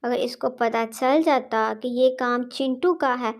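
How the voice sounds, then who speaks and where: A kind-hearted little sparrow from a cartoon, voiced by a woman with a high, light voice. She pleads earnestly and gently. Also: slow. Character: kind, caring female sparrow. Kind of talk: cartoon voice acting.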